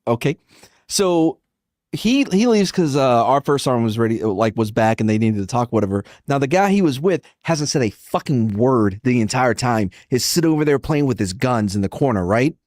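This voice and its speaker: A man on a podcast telling a lively, profane story and laughing often as he goes. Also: medium pitch, moderate pace, no echo, studio quality. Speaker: podcast co-host. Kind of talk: casual chat, animated storytelling.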